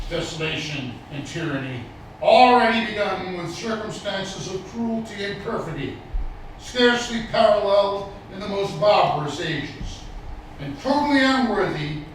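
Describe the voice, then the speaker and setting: Guy w a high voice doing lofty stately recitation, super echoey, far from the mic. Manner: lofty, stately oratory with deliberate pauses. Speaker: public reader at a commemorative event. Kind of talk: formal public recitation of a historical declaration. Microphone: distant microphone. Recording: distant, very echoey, some background noise.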